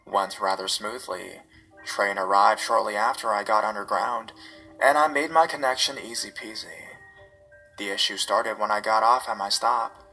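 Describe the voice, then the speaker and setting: A man with a lowish, slightly rough voice that still sounds bright and forward reads first-person horror stories at a steady, measured pace. Soft music plays faintly underneath, and the recording quality is rough.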